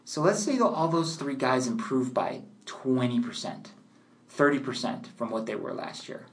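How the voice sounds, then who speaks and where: Man, sports podcast co-host, analytical, measured, casual chat, fillers. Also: medium pitch, animated.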